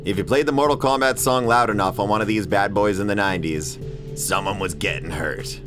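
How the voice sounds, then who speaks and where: Background music accompanies a thirty-something video essayist as he narrates his channel's casual essay a little fast, in a voice on the low side. The tone is irreverent and opinionated, with slang and profanity throughout.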